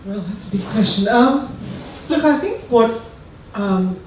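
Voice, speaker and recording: A panelist speaking in a reflective, halting way on a discussion panel. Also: mid-range voice, animated. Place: lecture room. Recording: very echoey room, distant mic, faint noise.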